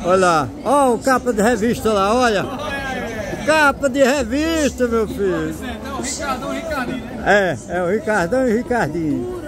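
A man's voice: sits high, expressive, unhurried, long pauses, a crowd in the background. A man with a Northeastern Brazilian accent giving casual, jovial, teasing commentary in short repeated exclamations. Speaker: vlogger touring a street market. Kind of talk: casual spontaneous market commentary. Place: outdoor street market. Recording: busy outdoor market with music and traffic.

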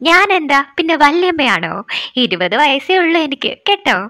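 Woman reading as a playful young woman, high voice, bright tone, teasing, blunt, dry close sound. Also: sing-song, normal speed, no echo, exaggerated voice. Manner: teasing, blunt, sulky banter. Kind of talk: storytelling with voiced dialogue.

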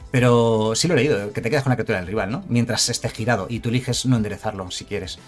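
A man's voice: lowish voice, fast, soft background music. A man giving casual live commentary on a card game, rambling and chatty, with asides and self-corrections.

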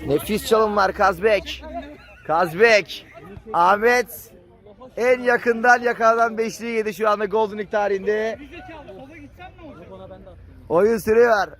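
A man commentating live on an amateur football match, screaming drawn-out goal calls. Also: high voice, steady tone, a bit bright.

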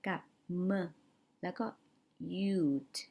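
Young woman teaching english vowel sounds, very slow, a bit low, says words over and over. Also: dark tone, breathy edge. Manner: says each English word slowly, often more than once, stretching the vowel. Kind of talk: slow vocabulary lesson with spoken word examples.

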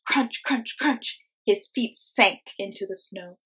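A young woman, a teacher reading a children's storybook aloud, expressive and explaining things simply for young listeners. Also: medium pitch, takes it slowly, husky. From United States. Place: small room at home, indoors.

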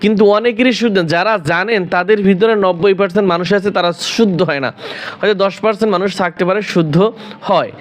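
Bangladeshi guy teaching quran reading, fairly high voice, slow and patient repeating sounds. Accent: Bangladeshi Bengali. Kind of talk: spoken lesson, reciting letters.

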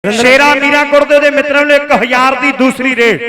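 A male kabaddi commentator calls the action in an extremely high, straining pitch. He repeats chanted exclamations and rouses people to clap, over a very loud outdoor crowd. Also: fairly even intonation, fast. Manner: rousing, repetitive exclamations urging applause. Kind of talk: excited live sports commentary with chanted calls. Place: outdoor kabaddi tournament ground.

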